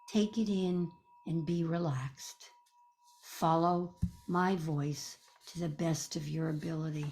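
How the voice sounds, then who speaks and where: With a voice on the low side, a woman guides a meditation as its teacher, her delivery gentle, calming and measured, punctuated by pauses.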